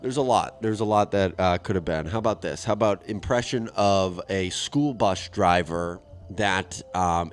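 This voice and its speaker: A man's voice: deep voice, slight background noise. A man hosting a comedy podcast from home, riffing in a rambling, profane monologue. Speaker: podcast host.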